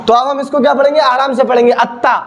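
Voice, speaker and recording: A man's voice: very high voice, little pitch movement, very fast, muffled recording. A man teaching a recitation lesson, drilling with repeated questions and answers and exaggerating heavy and thin sounds to show the difference. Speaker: religious teacher.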